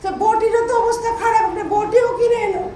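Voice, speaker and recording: A woman's voice: very high voice, little pitch movement, fast talker, slight background noise. A deaf, cranky mother-in-law. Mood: confused. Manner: querulous, confused, sharp-tongued. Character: hard-of-hearing mother-in-law, mishearing everything. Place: large auditorium stage. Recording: echoey hall from far off.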